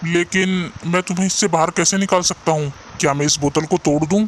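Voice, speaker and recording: A man's voice: a little high, steady tone, brisk, slight background noise, close to an everyday voice. A man voicing a poor young junk seller in a cartoon story, earnest and caring, sometimes despairing. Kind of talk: cartoon voice acting.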